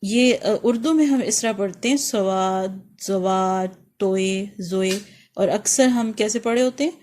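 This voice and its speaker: Pakistani woman teaching letter sounds. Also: fairly high pitch. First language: Urdu. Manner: calls out each letter loudly and drawn out, then explains softly. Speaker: Quran reading teacher. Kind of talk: recitation lesson for beginners.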